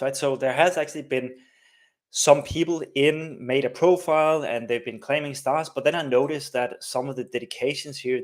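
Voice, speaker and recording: Chatty man hosting a live stream. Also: medium pitch. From Denmark. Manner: chatty, many fillers and tag questions. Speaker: host of a live coding stream. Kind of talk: casual live-stream walkthrough.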